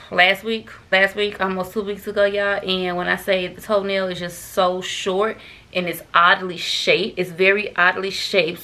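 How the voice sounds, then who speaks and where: Chatting to the camera from her bedroom at home, a vlogger in her thirties rambles loosely and calls her viewers "y'all". Her voice is medium-pitched, bright and forceful.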